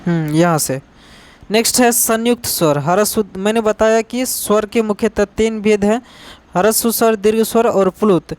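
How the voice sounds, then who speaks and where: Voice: medium pitch, darkish tone. A teacher giving an exam-focused grammar lesson, repeating each definition and asking rhetorical questions before answering them. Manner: spells out letters and examples slowly.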